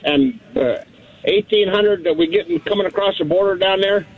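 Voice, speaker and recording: A man's voice: high voice, normal speed. A male radio show caller speaking over a phone line, blunt and rambling with folksy grammar. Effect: call-in voice over a phone line. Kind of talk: casual call-in opinion.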